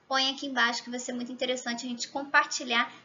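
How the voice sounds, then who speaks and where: Bright high-voiced Brazilian teacher from Rio. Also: female voice, little pitch movement, dull audio. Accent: Rio de Janeiro Portuguese. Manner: slow, exaggerated demonstration of pronunciation; chatty, checks in with the viewer often. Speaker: Spanish teacher. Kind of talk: language lesson to camera.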